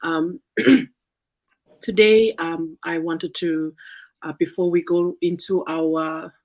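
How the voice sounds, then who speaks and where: A woman's voice: on the low side, fairly even intonation, slow, a little mellow. A woman from Fiji hosting an online live-stream chat, welcoming viewers with frequent ums and uhs. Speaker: host.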